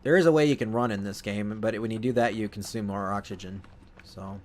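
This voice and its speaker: A man casually commenting while he plays a video game, thinking out loud and often correcting himself. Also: fairly low pitch, brisk. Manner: rambling, self-correcting, thinking aloud. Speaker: let's play host.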